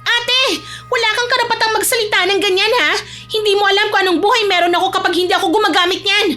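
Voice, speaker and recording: A woman voicing a rebellious adopted teenage girl who pleads and talks back in a shrill voice. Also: steady tone, a little fast, sharp tone, faint music behind. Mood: defiant.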